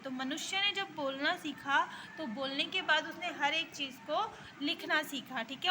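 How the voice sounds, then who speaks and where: A woman school teacher with an Indian accent talks young pupils through a grammar lesson. Her voice sits high and sounds bright and clear. She repeats each point patiently, over a faint background hiss. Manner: patient, repetitive explaining with frequent checks.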